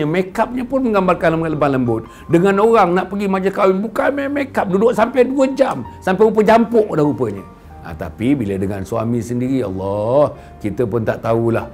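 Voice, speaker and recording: A middle-aged man from Klang in Malaysia, speaking with a Malaysian Malay accent, giving an animated sermon to viewers and acting out quoted speech with playful asides. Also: mid-range voice. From Klang, Selangor, Malaysia. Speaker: religious speaker addressing viewers. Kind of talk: lecture-style sermon to a camera audience.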